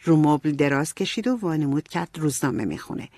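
A woman narrating a storybook in an even, clear storytelling manner. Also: low voice, no echo, studio quality. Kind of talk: storybook reading.

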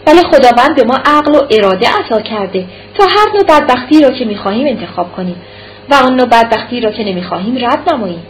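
A woman voicing a grown man who speaks in an excited, heated way. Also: on the high side, lightly acted. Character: agitated grown man philosophizing. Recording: dull old tape, faint hiss.

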